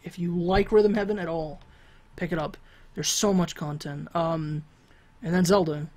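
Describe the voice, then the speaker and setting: A man's voice: on the high side, steady tone, normal speed, a little mellow. Rambling man on a casual podcast. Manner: rambling, many fillers and restarts. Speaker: podcast co-host. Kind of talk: casual chat.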